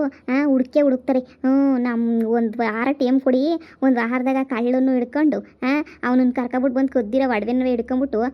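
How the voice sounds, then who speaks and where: A woman's voice: high-pitched, lo-fi sound, close to an everyday voice. A woman playing a grieving young married daughter, pleading and repetitive. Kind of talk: village comedy skit acting.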